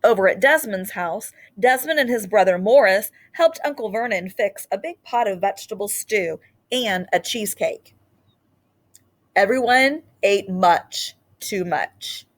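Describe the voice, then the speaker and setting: In an unhurried, mid-range voice, a woman gives an expressive storytelling reading of a children's picture book.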